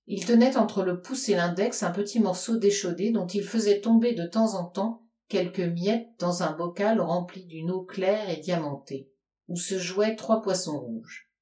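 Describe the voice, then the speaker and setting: A woman narrating a classic novel aloud in a measured storytelling manner. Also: lowish voice, dark tone. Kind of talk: audiobook narration. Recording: roomy echo.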